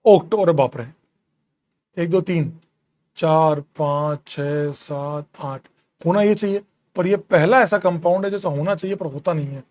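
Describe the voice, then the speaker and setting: In a slightly slow, easygoing classroom lecture, a fairly high-voiced man teaches chemistry, calling his students "bro" and telling them again and again not to worry. He repeats the steps, counts out carbons and stays friendly and encouraging, like a chatty teacher.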